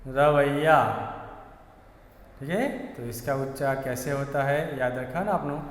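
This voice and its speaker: A man's voice: medium pitch, moderate pace, roomy sound, long reverb tail. A man teaching a primary-school lesson, patiently drilling syllables one by one with a Gujarati accent. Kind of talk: slow primary-school lesson, spelling out vowel signs.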